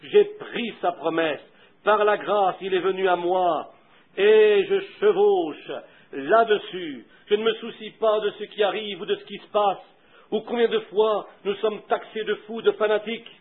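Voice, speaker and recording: A high-pitched man preaches a sermon, moving from quiet storytelling to fervent, loud appeals. The old recording is thin and tinny, as if heard over a phone line. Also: normal speed. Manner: fervent, swings from hushed to loud.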